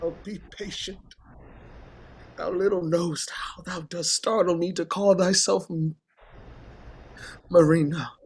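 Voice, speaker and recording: Husky, theatrical, grief-worn king. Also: sits high, steady tone, full character voice. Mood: anguished disbelief. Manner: theatrical, declamatory, halting, swinging from hushed to outcry. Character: grief-worn, long-suffering king, anguished, hoping and doubting. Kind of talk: classical verse stage acting.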